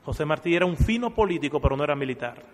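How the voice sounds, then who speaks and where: High-voiced impassioned preacher, echoing hall. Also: male voice, expressive, rapid-fire. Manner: impassioned, swells and drops in volume. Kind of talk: sermon. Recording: long church hall reverb.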